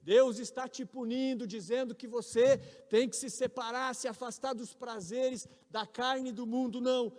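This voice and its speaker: A Brazilian man in his forties, a pastor, preaching a sermon with emphatic, loud peaks on key words. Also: very high-pitched. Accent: Brazilian Portuguese. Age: 40s. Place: large church hall. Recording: reverberant church hall.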